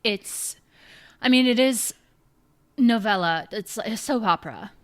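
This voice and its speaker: A woman co-hosting a podcast chats casually in English, her second language, with a slightly high, unhurried voice; she's lively and playful and laughs often, heard over a remote call.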